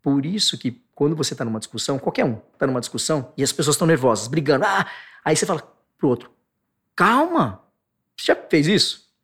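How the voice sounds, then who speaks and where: Brazilian man, guest explainer, husky voice, mid pitch, swings from loud acted outbursts to soft low asides. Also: fast talker. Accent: Brazilian Portuguese. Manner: animated, acts out angry outbursts in sharp bursts; drops to a soft, low tone for calm points. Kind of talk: explanatory talk on stress and anxiety.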